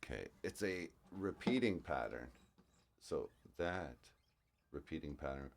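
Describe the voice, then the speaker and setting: A man's voice: rumbling low, expressive, unhurried, gravelly. A man, a guitarist, casually breaking down a song in an explanatory, thoughtful way with frequent fillers. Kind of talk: casual music breakdown commentary. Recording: music playing in the background.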